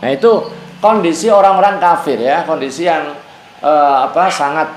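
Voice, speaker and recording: In an echoey room with slight background noise, a male Islamic teacher with a fairly high voice gives a Quran exegesis class to a women's study group. At a moderate pace, he patiently repeats key phrases and chants Arabic verses.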